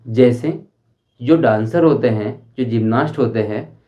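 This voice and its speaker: A man teaches a spoken English lesson at a medium pitch. He explains slowly and deliberately and repeats his examples. The recording sounds dull and lo-fi. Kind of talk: Hindi-language English lesson.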